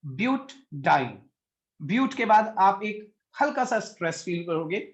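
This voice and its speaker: High-voiced man teaching chemistry online. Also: highs cut off. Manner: patient, explaining in Hindi mixed with English; questions students by name. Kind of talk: online class lecture.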